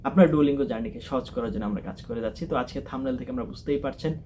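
Mellow-voiced man teaching test prep. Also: medium pitch, racing, a little hiss or hum. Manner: mixes English phrases into explanations, repeats points. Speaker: test-prep channel host. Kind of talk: instructional talk.

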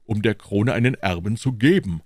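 A man reading aloud and voicing a boastful, self-satisfied male musketeer, loud and smug. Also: on the low side, moderate pace, no room sound, studio quality, natural voice. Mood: lecturing.

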